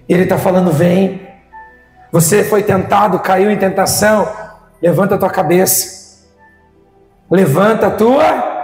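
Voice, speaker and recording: A man's voice: sits high, darkish tone, echoey room, long reverb tail. A man with a Brazilian accent preaching a sermon as pastor, firing rhetorical questions at the congregation. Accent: Brazilian Portuguese.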